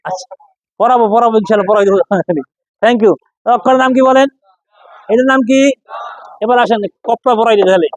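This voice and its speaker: Man, Quran reading teacher, classroom drill, repetitive call-and-response, very high-pitched voice. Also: no echo, highs cut off. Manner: repetitive, calls out questions, drawn-out chanting of letter names.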